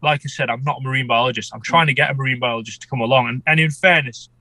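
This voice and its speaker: A man's voice: medium pitch, fairly even intonation, rapid-fire, pushed and bright, no room sound, rough recording. A man chatting casually as an interview guest, congested with a head cold so he sounds underwater. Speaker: podcast guest, amateur shark expedition filmmaker.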